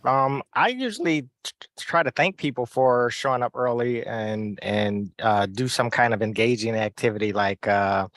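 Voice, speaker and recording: A man taking part in an online meeting, speaking hesitantly with frequent pauses and restarts. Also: medium pitch, animated, fairly bright tone, dry recording, clean studio sound. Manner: hesitant, many ums and restarts. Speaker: meeting participant. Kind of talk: casual chat. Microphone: video call.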